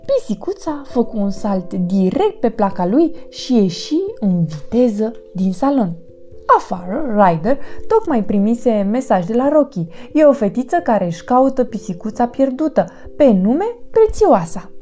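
A woman hosting her own storytelling channel, reading a children's picture book aloud in an expressive, sing-song way. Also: fairly high pitch, a little hiss or hum.

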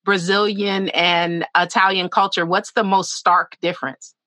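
Giggly woman host with a low voice. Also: flat delivery, a little slow, pushed and bright, no echo. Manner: giggly, laughs often between phrases. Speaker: podcast host. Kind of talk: casual chat.

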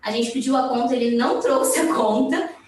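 A Brazilian woman guest telling travel stories in a lively way, acting out the dialogue she quotes. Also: on the high side, normal speed. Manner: animated, acts out quoted dialogue. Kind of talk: casual storytelling. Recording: echoey room, far from mic, faint noise.

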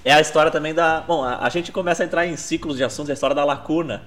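A man's voice: on the high side, very fast, a bit bright. Thoughtful man hosting a podcast. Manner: thoughtful, hedging, many repetitions. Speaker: podcast host. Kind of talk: casual podcast chat.

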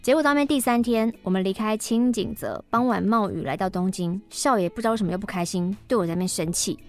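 A woman's voice: mid-range voice, fast, faint music behind. A woman co-host with a Taiwanese Mandarin accent reading a listener's letter aloud, acting out the quoted lines with animation. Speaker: podcast co-host.

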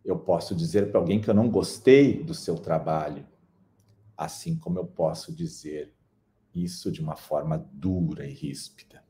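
A man with a very deep voice gives a motivational talk. His tone is mellow and warm, and his delivery is calm and measured, with slow pauses for emphasis. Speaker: speaker on personal development.

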